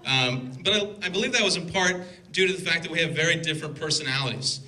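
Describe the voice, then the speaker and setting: His voice is fairly high, quick, bright, and forceful, though the recording quality is low. A twenty-something best man, he reads his toast from notes into a handheld microphone in an indoor wedding reception hall, teasing dryly while guests laugh.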